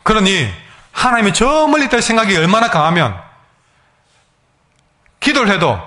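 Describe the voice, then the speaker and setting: A man preaches a sermon in a high voice that swoops up and down. He is emphatic and acts out the voices of his congregation. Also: wildly swooping pitch, moderate pace, pushed and bright. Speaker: pastor.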